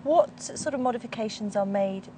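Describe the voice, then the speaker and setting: A woman interviewing a sailing coach outdoors in a park, asking clear, direct questions. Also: fairly high pitch, moderate pace, warm tone, a little hiss or hum.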